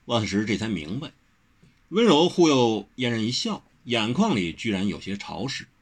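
A male audiobook narrator reading a martial-arts novel with expressive storytelling. His husky voice sits at a middle pitch but roams widely up and down. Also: moderate pace.

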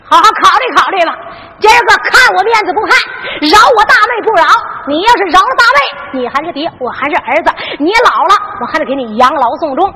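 A woman's voice: very high voice, animated, pushed and bright, in a large hall, exaggerated voice. A woman playing a foolish, blustering young son in a Henan zhuizi story performance, coaxing and threatening his father. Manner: coaxing then threatening, drawn-out.

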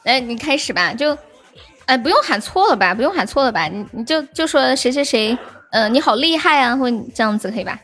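Woman live-stream host, high voice, cheerful coaxing manner; faint music behind. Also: expressive, fairly quick, fairly bright tone. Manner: cheerful, coaxing, gives instructions. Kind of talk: casual live-stream hosting.

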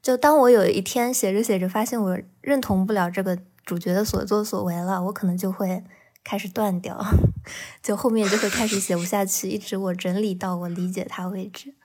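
A woman's voice: medium pitch, fairly even intonation, fairly quick, a little mellow, a little hiss or hum. Woman, novelist guest, casual podcast talk, reflective, candid. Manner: candid, reflective, laughs between thoughts.

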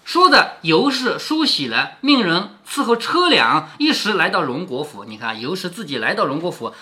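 Lively man explaining a classic novel. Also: sits high. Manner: keeps asking rhetorical "isn't it?". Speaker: father reading to his daughter.

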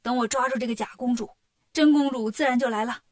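A woman voicing a bold, quick male monkey hero who talks in a brisk, commanding way. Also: a little high, lightly acted.

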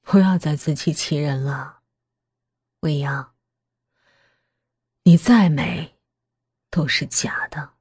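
A soft, chilling mother figure, as a woman puts her on for an audio horror story. She speaks slowly and evenly in a low, breathy half-whisper. The sound is close and dry. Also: no room sound, exaggerated voice. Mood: cold calm. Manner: flat, calm, half-whispered. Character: calm, sinister middle-aged mother who speaks softly.

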